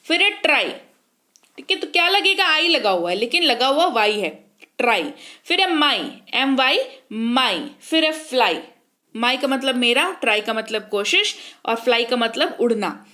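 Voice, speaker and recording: A woman's voice: a little high, very animated, unhurried, sharp tone. A woman teaching English spelling in Hindi, patiently spelling out letters and often checking that the listener follows. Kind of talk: spelling lesson explained in Hindi.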